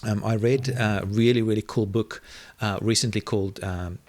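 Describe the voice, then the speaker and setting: A man whose first language is Afrikaans muses as a guest in a reflective conversational interview, thoughtful and prone to many fillers and restarts. His voice is fairly low, with fairly even intonation and a moderate pace.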